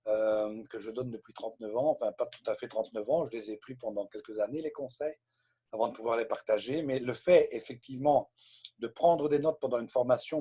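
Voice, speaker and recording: A Belgian man about to turn sixty, hosting a live webinar as a sales trainer and talking off the cuff with many pauses and hesitations. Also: medium pitch, darkish tone, breathy edge. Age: 50s. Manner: unscripted and rambling, with frequent hesitations. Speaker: webinar host and network marketing trainer.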